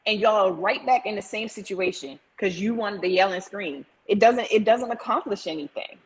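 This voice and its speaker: A woman's voice: medium pitch, moderate pace, poor audio. A woman on a talk show panel, stating her view emphatically and repeating her points firmly. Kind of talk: casual talk show discussion.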